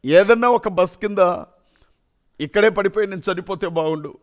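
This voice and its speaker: A man's voice: high voice, moderate pace. A young adult man telling his personal testimony in an earnest, emotional storytelling way. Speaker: testimony speaker.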